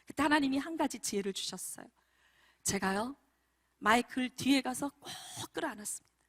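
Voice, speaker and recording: Lively woman preaching a story sermon. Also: high-pitched, a little fast. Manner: animated storyteller, often addressing the congregation directly. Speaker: missionary preacher. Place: church prayer meeting.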